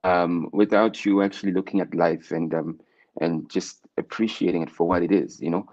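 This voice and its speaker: A man's voice: low-pitched, steady tone, normal speed, darkish tone. A South African man talking in a casual conversation, reflective, with many fillers and restarts. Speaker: interview guest, rapper. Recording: dull lo-fi sound.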